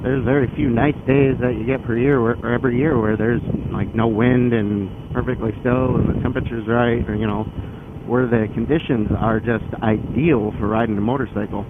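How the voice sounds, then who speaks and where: Male motorcycle vlogger, conversational and loosely rambling, mid-pitched voice, tinny narrowband sound with clear vehicle noise. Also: fairly even intonation, moderate pace. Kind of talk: casual explanatory vlog while riding. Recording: phone-like band, loud wind and engine noise. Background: loud vehicle and outdoor noise.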